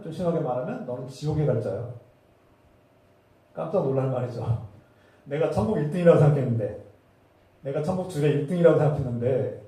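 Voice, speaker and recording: A male pastor delivers a sermon with fervent, emphatic force, piling up repeated phrases. His voice sits a little high for a man but sounds very dark and muffled. It rings through a reverberant church hall and is heard from some distance off the mic. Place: church sanctuary.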